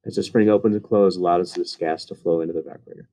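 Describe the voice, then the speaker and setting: Talking over technical slides, a low, mellow-voiced HVAC instructor gives a relaxed, casual voice-over full of ums and uhs. His delivery is racing.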